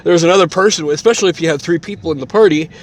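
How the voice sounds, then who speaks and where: A man's voice: a little high, very fast. A man venting in a casual vlog from inside a parked car, rambling and often repeating words mid-sentence, talking around a cigarette in his mouth. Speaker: YouTuber.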